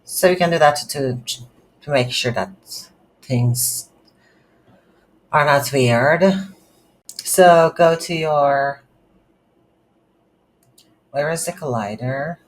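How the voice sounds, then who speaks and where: Here a game development tutorial instructor talks through a screen recording without a script, pausing hesitantly and thinking aloud in short phrases at a slow pace. The pitch is medium. The recording is low quality, with faint background noise.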